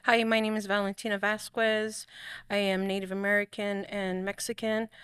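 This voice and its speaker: A woman's voice: mid-range voice, level tone, moderate pace, fairly bright tone, clean tone, no echo, studio quality. A woman from Arizona, a guest in an interview, speaking hesitantly with fillers. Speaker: guest, program coordinator. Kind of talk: casual interview talk.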